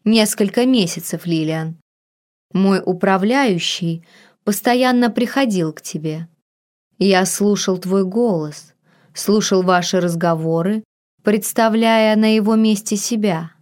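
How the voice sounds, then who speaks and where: A seductive, possessive man speaks in a low, husky voice, as a woman reading an audiobook puts him on. He talks slowly and quietly, drawing out each phrase. It sounds like a storybook romance. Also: natural voice. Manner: slow, hushed, drawn-out speech.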